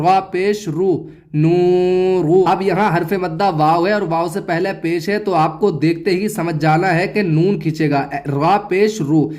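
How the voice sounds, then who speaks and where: Man, high voice, reading lesson, slow sounded-out syllables, quick explanations. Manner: drills letter sounds slowly, explains rules fast. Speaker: Quran reading teacher.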